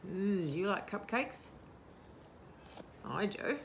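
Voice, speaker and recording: On an outdoor garden patio, a storytime host in her sixties reads a picture book aloud to young children, animated and sing-song, with questions for the listener. Her mid-range voice is gravelly and slow. The camera, a short distance away, catches background noise.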